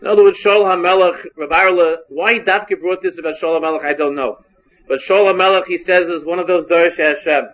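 A Hungarian-born man gives a text-based Torah lesson, reading a Hebrew line and translating it piece by piece. His high, sharp voice keeps repeating and restarting phrases. The dull lo-fi recording sounds muffled.

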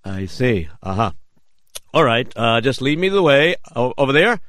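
A man playing a calm, pious rabbi who speaks slowly and deliberately. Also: mid-range voice, no room sound, studio quality. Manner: measured, slow and deliberate.

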